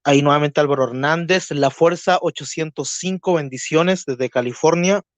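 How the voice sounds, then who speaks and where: A Chilean man moderating an online debate, courteous and measured, often pausing with fillers. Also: on the high side, dry recording. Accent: Chilean Spanish. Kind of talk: live-stream debate moderation.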